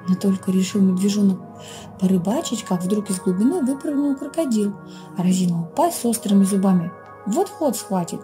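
A woman reading a children's fairy tale aloud in a gentle, expressive storytelling way. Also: medium pitch, a little fast, faint music behind. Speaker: children's librarian reader.

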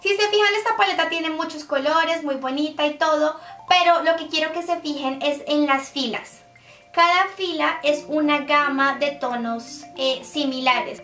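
A woman's voice: high-pitched, bright, forceful tone. A young woman hosting a casual makeup tutorial, chatty and explaining step by step with lots of diminutives. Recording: echoey room, a bit distant, faint music.

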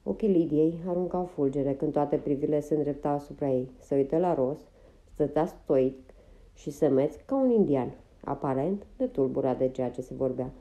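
A woman narrating a novel as an audiobook in a steady, even reading manner. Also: sits low, lo-fi sound. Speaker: audiobook reader.

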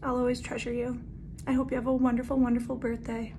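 A woman's voice: fairly high pitch, flat delivery, fast talker, background noise. A woman giving an earnest, heartfelt birthday video message to a best friend. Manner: earnest, emotional, slightly self-conscious.

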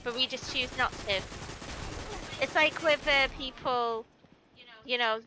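A woman's voice: high-pitched, measured pace, background noise. A woman streamer chatting casually while co-playing a game, laughing often and peppering her speech with "like". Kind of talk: casual gaming chat. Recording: game music playing behind.

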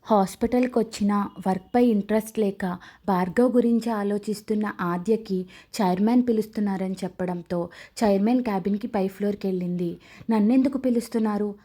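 A woman's voice: medium pitch, steady tone, brisk, mellow. A woman narrating a love story aloud, reading every character's lines in her own voice.

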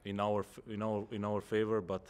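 A man in his thirties with a very deep, even voice answers post-match questions as a footballer. He speaks in a measured way and often pauses to search for the right words. He is heard at a table microphone in an indoor press room. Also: a little hiss or hum. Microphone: table microphone in front.

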